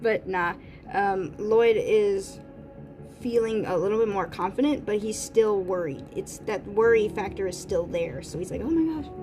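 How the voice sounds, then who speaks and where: A woman's voice: mid-range voice, steady tone, a little slow, over music, poor audio. A woman live-streaming from her room, chatting casually and thinking aloud with lots of fillers. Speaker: art streamer.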